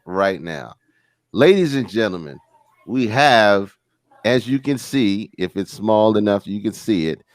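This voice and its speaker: Deep-voiced, upbeat male podcast host. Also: dry recording, studio quality. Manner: upbeat and hyped, laughs easily. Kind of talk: casual podcast chat.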